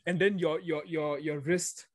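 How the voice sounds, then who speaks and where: Rambling young podcast host. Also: male voice, on the high side, steady tone, a little slow, a crowd in the background. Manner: rambling, repeats words, upbeat. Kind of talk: casual podcast chat.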